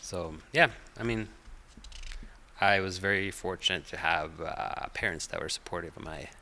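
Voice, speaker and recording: A middle-aged man from Finland, a podcast guest whose first language is Finnish, chatting in a relaxed, hesitant way with many fillers. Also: low voice, moderate pace, slight background noise. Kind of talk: casual interview chat.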